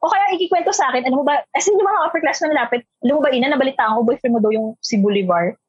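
A woman's voice: high voice, racing, husky, no echo. A feisty, talkative woman in her twenties from Metro Manila with a Filipino accent, telling stories in casual chat and acting out the voices she quotes. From Metro Manila, Philippines. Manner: animated, switching between Tagalog and English, acts out quoted voices. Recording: dry, slightly muffled recording.

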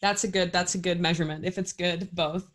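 A woman interviewer, upbeat, asking quick rapid-fire questions. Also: lowish voice, steady tone. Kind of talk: casual interview.

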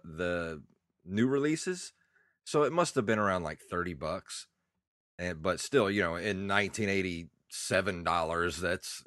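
A congested man in his thirties rambles nostalgically as a podcast co-host, his voice sitting very low. The sound is dry and close, with no room around it. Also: fairly bright tone, dry recording. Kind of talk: casual chat.

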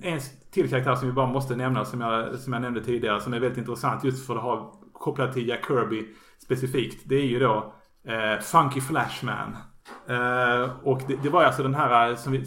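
A man's voice: mid-range voice, fairly bright tone. A man in casual podcast chat, his sentences full of fillers, stops and restarts as he feels his way forward. His voice sits in a middling range and carries a roomy echo from the space around him. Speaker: podcast host. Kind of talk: casual podcast talk about comics.

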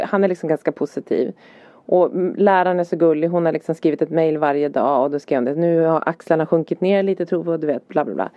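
A woman's voice: sits low, no room sound. A woman, a mother and podcast co-host, telling family stories in casual chat and acting out lines from her son and herself. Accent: Swedish. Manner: animated storytelling, acting out her son's and her own lines. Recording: slightly dull dry podcast audio.

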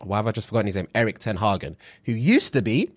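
A young man with a London accent talks casually as a podcast co-host. His pitch moves around a lot, making his ranting lively, and his speech is full of London street slang. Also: fast. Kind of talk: casual chat, football rant.

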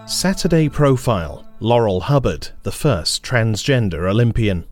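A man reading a scripted news briefing in a measured, formal newsreader manner. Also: mid-range voice, no echo. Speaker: news presenter.

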